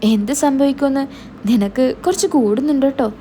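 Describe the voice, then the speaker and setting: Woman doing a husband far away, defensive, keeps trying to calm her down, mellow tone. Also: high-pitched, a little fast, a little hiss or hum, lightly acted. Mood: annoyed. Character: husband working abroad, defensive and placating.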